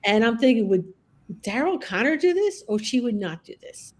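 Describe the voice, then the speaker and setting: A woman's voice: on the high side, big pitch swings, moderate pace. A woman who works as a groomer and educator, telling stories in casual conversation and often checking in with "okay?" and "all right?".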